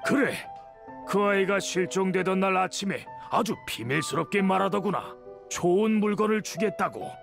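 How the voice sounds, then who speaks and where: In video game voice acting, a man voices an elderly master swordsmith, patient and kindly but worried for his nephew. His high, creaky voice sounds troubled and measured, using old-fashioned elder speech, with clear background music.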